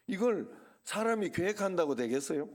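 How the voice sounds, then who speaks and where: A man's voice: high-pitched, very animated, normal speed. A middle-aged male pastor with a Gyeongsang accent, preaching a Sunday sermon in a conversational way, full of rhetorical questions and asides. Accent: Gyeongsang Korean.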